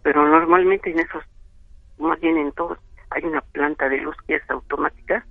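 A man's voice: fairly high pitch, fairly even intonation, normal speed, no echo. A Mexican man telling a spooky story over the phone, rambling with many fillers. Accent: Mexican Spanish. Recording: tinny phone line.

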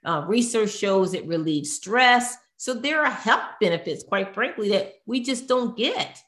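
This woman, a therapist guest, talks a little slowly in a mid-range, animated, somewhat bright voice. Earnest and conversational, she gives expert talk while hunting for words and correcting herself partway through sentences. Her voice echoes around the room.

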